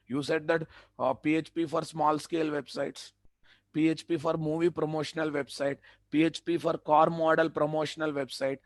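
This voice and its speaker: A man's voice: a little high, no room sound. A man with a Telugu accent in Indian English, lecturing students as an instructor, emphatic and repetitive, often checking with rhetorical questions. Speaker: web development instructor. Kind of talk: live online lecture to students.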